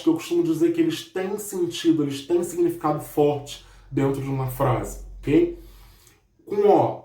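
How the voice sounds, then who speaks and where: A man's voice: fairly high pitch, darkish tone. A man with a Brazilian Portuguese accent teaching a grammar lesson step by step, drawing out example words and checking in with "ok?" often. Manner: drawls out example words slowly. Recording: echoey room.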